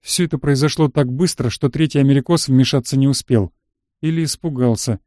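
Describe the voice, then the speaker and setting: A man's voice: mid-range voice, fairly quick, mellow, no echo, clean studio sound. A man reading a first-person action story aloud in a terse, matter-of-fact manner. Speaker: audiobook narrator. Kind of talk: scripted first-person narration.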